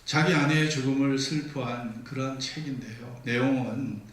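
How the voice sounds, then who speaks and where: Here a pastor delivers his sermon at normal speed, his mid-range voice fairly bright and fairly even in intonation. He tells stories and acts out the quoted lines, recorded from a distance in an echoey church sanctuary with slight background noise.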